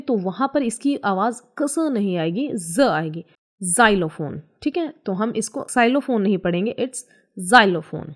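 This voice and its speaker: A woman teaching an English reading lesson in Hindi. She spells English words out letter by letter, repeats them slowly and checks in often with the class. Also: on the high side. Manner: frequent "theek hai" check-ins.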